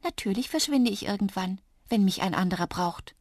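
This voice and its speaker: A woman voicing a tiny, kind male ear sprite who speaks gently and giggles. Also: mid-range voice, animated, fairly quick, no room sound, studio quality, natural voice. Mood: amused.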